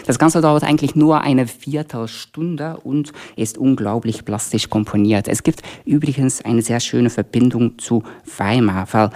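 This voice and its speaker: A man's voice: medium pitch, measured pace, few pauses, a little mellow. A man from Belgium, a concert dramaturge, eagerly explaining an upcoming symphony concert with frequent fillers. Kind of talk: radio promo talk.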